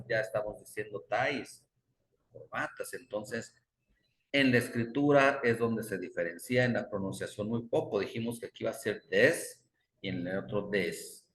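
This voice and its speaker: A man's voice: fairly low pitch, fairly bright tone. A male English teacher explaining grammar to a class. He repeats example words over and over as he drills them, and stops now and then to correct himself. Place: classroom with students. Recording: roomy classroom echo.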